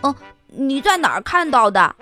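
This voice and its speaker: An eager little hamster boy bursting with excitement, as a woman storyteller puts him on. The voice sits high and bright, swinging up into squeals, with the tempo of a gentle storybook. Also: normal speed, faint music behind, heavily acted. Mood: excited. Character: eager little male hamster wanting to be cowboy.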